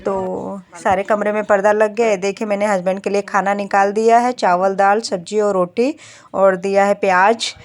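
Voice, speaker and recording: A woman's voice: mid-range voice, little pitch movement, normal speed. A woman in her thirties with a sore throat, chatting casually to viewers as she narrates a home vlog. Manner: chatty, addresses viewers as friends. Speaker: vlogger.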